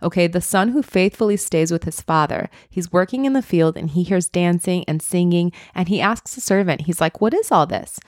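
A woman co-hosting a casual faith podcast, retelling a parable with lively, playful character voices. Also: on the low side, moderate pace, hardly any pauses, no echo, studio quality. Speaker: podcast co-host.

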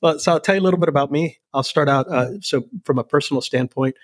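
An older man from El Salvador, a company president talking as a guest in a relaxed, rambling way with many ums and restarts. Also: on the high side, fast. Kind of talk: casual interview chat.

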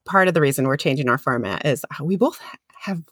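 A woman's voice: sits low, lively intonation, fairly bright tone, husky, no room sound, clean studio sound. Chatty librarian woman co-hosting a podcast. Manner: chatty, enthusiastic, quick with restarts. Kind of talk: casual chat.

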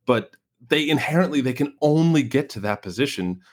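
A man's voice: mid-range voice, lively intonation, normal speed. A man with an American West Coast accent co-hosting a podcast, talking casually about a film with lots of fillers and restarts. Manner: rambling, many fillers and restarts. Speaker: podcast co-host.

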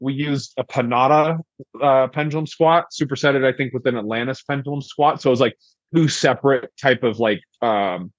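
A man's voice: mid-range voice, normal speed, dry recording. A young man on a podcast, telling a story in a loose, rambling way, full of "like" and swearing. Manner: rambling, heavy use of "like", profane. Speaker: podcast guest. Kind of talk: casual storytelling. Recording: dry, dull lo-fi podcast audio.

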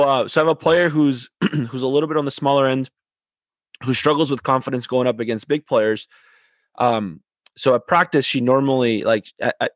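A man who coaches youth soccer and co-hosts a podcast, telling a story in a casual, animated way with many restarts and repeated words. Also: mid-range voice, dry recording.

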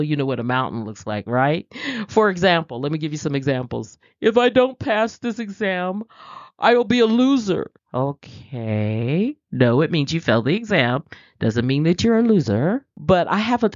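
An animated host delivers an inspirational faith talk, often breaking into laughter and playing the people in the stories. The voice sits at a middle pitch. The recording is dry and a little dull. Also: no room sound. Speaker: podcast host. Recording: slightly dull, dry sound.

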